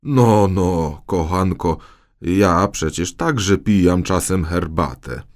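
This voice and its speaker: A man voicing a pompous, henpecked middle-aged king in an audiobook fairy tale, speaking in a deep, blustering tone. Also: slow pace.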